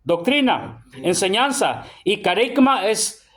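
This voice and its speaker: A Mexican preacher in middle age, his voice sitting high for a man. He teaches in call-and-response, throwing questions out to the congregation and ending almost every phrase with "brother." When he reads scripture he slows down, drawn out and emphatic. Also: lively intonation, a bit bright. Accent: Mexican Spanish. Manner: call-and-response, tags lines with "hermano"; slow emphatic verse reading. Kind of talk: church sermon teaching.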